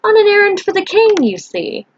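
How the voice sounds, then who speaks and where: A woman voicing a courteous, smooth-talking young man who makes potions and teases a little while dodging questions. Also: extremely high pitch, very animated, moderate pace, lo-fi sound, a little hiss or hum, voice pushed up. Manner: courteous and teasing, a little evasive.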